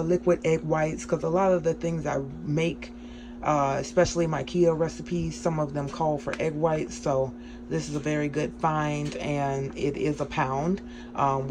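Chatty, excited woman vlogging her groceries. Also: low voice. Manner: chatty and excited, with many ums. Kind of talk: casual grocery haul vlog. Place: small home kitchen.

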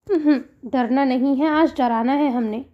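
A woman's voice: high-pitched, a little slow, lo-fi sound. Woman doing a mischievous young woman prankster. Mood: playful. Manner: teasing and sweetly innocent-sounding.

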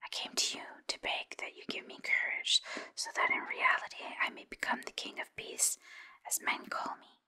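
A woman's voice: moderate pace, sharp tone. A woman voicing a cowardly male lion from a storybook in a formal, grandiose whisper. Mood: humble pleading.

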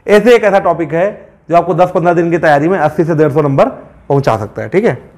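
A man teaches an exam-prep class in a relaxed, chatty lecture. His voice sits somewhat high for a man, and he keeps asking whether his students are following. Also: fast talker. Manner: conversational, checks understanding with frequent asides.

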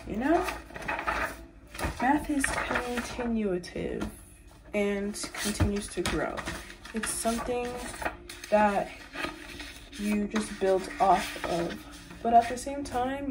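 A woman's voice: mid-range voice, heavy background noise. A teenage girl in casual vlog chat, rambling with lots of filler words, filmed on a phone in her bedroom. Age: teens. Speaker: vlogger. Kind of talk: casual day-in-my-life vlog. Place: small bedroom at home. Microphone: phone camera propped nearby.

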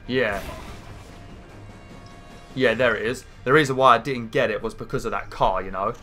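A man's voice: medium pitch, normal speed, fairly bright tone, faint music behind. Nasal British man, pinched-nose gaming commentary. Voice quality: nasal, like holding his nose. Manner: informal, rambling, sweary. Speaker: gaming video host. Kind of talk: casual gameplay commentary.

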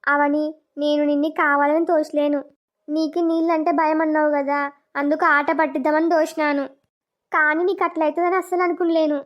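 A sly young sister-in-law in a village cartoon who mutters her plots aloud, as a woman voices her. Her voice sits very high, and the audio sounds dull and lo-fi. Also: flat delivery, a little fast, close to an everyday voice. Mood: defensive. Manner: muttering to herself, plotting.

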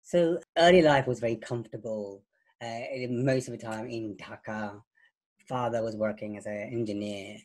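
A man's voice: fairly low pitch, fairly even intonation, normal speed, darkish tone. A man interviewing a guest, asking patient questions and restating the answers before moving on. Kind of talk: oral history interview.

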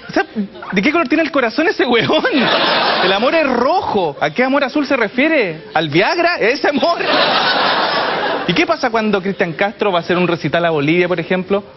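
High-voiced Chilean stand-up comic. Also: male voice, expressive, normal speed. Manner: mocking, sings song lines in exaggerated voices. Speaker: stand-up comedian. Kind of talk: stand-up comedy routine. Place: comedy stage before a live audience. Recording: muffled live show recording, loud crowd and noise.

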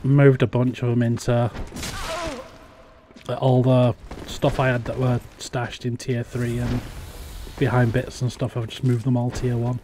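A man's voice: medium pitch, completely flat delivery, a little slow, background noise. A young man chatting casually while playing a game on a live stream, muttering to himself as he goes.

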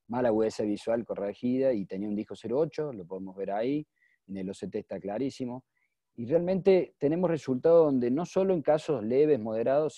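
A man's voice: lowish voice, dark tone, dry recording. A man with a Cordobese Argentine accent giving an informal medical lecture as a surgeon presenting cases, explaining and stressing the openings of his phrases. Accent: Cordobese Argentine Spanish. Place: small indoor room, on a video call.

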